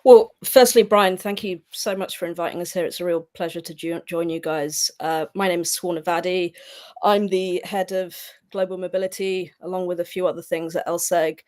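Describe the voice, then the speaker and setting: Low-voiced woman, relaxed panel guest. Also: normal speed. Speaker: head of global mobility, guest. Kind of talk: panel introduction.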